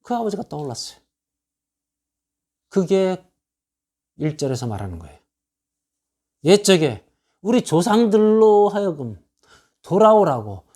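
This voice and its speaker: In a high, slightly mellow voice, a pastor gives an expository sermon, reading scripture verses aloud. He drives his point home with rhetorical questions and repeated lists.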